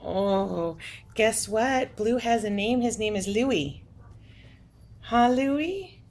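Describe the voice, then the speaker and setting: A woman filming her puppies at home, chatting casually to the camera and slipping into high, sing-song baby talk with the dogs. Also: slow, a little mellow. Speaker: dog breeder. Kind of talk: casual vlog talking to puppies. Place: home puppy room, indoors.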